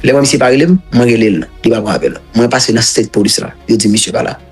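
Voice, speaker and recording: A man's voice: mid-range voice, fairly even intonation, fast, slightly rough, soft background music. A man from Haiti with a Haitian accent, recounting his own story as an interview guest in a rambling, repetitive way and mixing languages.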